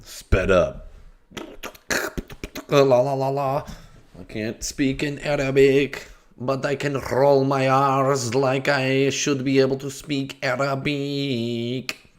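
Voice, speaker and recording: A streamer reacting to a video rambles through casual, joking commentary in a medium-pitched voice. He speaks slowly with long pauses, often trailing off, starting over, and scatting nonsense syllables.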